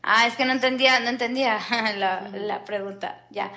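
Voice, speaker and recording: A woman's voice: a little high, fairly even intonation, normal speed, pushed and bright. A woman hosting a casual podcast lesson, chatty and giggling often. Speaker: podcast host.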